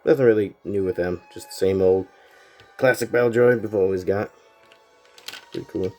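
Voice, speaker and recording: Reviewing a toy set at a moderate pace, this deep-voiced man sounds stuffed up and a bit nasal because of a cold. His talk is laid-back and meandering, packed with fillers, with soft music playing in the background.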